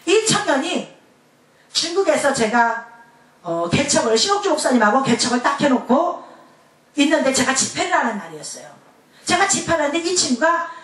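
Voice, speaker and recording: A woman pastor preaching a Sunday sermon, animated, dropping to a soft hush at times. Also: high voice, moderate pace, long pauses. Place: church sanctuary. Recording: echoey church hall, mic far off.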